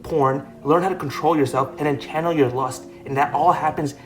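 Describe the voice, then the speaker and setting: Fast-talking young man, blunt and profane. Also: on the high side, steady tone. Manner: fast, profane, emphatic, full of fillers like "like" and "right". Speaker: self-improvement video host. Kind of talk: blunt motivational talk to camera. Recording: faint music underneath.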